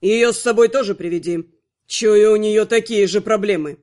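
A woman's voice: medium pitch, normal speed, a little mellow, voice pushed down, lightly acted. A woman voicing a stern, cold male necromancer magister who speaks curtly and with irritation, in an audiobook. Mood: irritated stern. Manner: curt, irritated. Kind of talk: audiobook narration.

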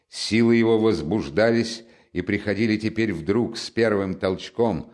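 A man narrating a classic novel in an expressive, measured storytelling manner. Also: on the low side. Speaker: audiobook narrator. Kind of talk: literary audiobook narration.

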